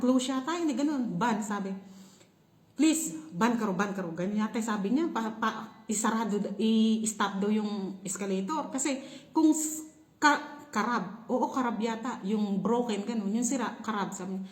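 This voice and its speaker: Animated high-voiced Filipina vlogger. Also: female voice, roomy sound. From Philippines. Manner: animated, laughing, shrieks when reenacting. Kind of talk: casual storytelling vlog.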